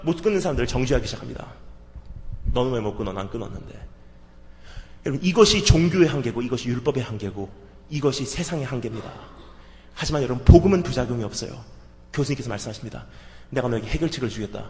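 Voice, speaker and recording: A man preaching a sermon, swinging between soft low asides and loud fervent outbursts, acting out conversations with a friend. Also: expressive, racing. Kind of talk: sermon with acted dialogue. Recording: reverberant hall.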